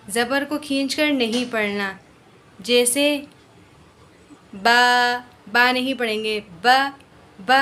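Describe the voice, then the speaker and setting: Woman reading teacher, high bright voice, drawing out each syllable slowly. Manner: patient, drawn-out syllable drills. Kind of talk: slow spoken recitation lesson.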